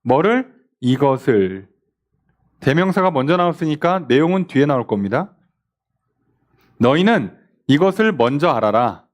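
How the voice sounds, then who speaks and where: A man's voice: fairly high pitch, unhurried, long pauses. Pastor guy teaching bible study in church, voice jumps all over, quizzes the class, mimics the mockers. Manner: animated, asks the class questions and mimics scoffers.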